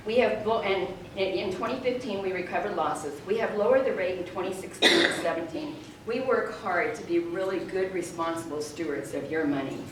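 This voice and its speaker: A woman giving a measured speech at a candidate forum as an incumbent, with small restarts. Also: on the low side. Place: large meeting hall. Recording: echoey hall from far off, background noise.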